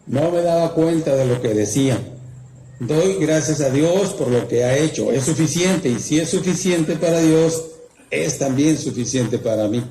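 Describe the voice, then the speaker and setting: A woman's voice: deep voice, a little slow, mellow. A man voicing a dying woman, pleading. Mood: tearful. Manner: pleading, then tearful. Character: dying older woman asking how to be saved. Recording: roomy echo, faint background noise.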